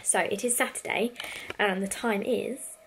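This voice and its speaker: A woman's voice: medium pitch, steady tone, measured pace, a little hiss or hum. A young British woman vlogging from her bedroom, chatting candidly and rambling a little into a handheld camera. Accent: British English. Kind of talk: casual chatty vlog. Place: bedroom at home. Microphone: handheld compact camera.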